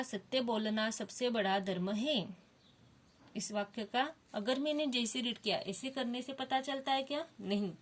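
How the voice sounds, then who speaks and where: A woman teaching a Hindi grammar lesson to children, explaining step by step and asking the class questions. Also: fairly high pitch.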